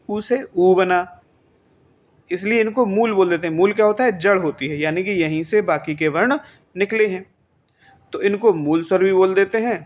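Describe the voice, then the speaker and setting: A male teacher giving an exam-prep grammar lesson, who asks the class questions, answers them himself and repeats the key points. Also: sits high.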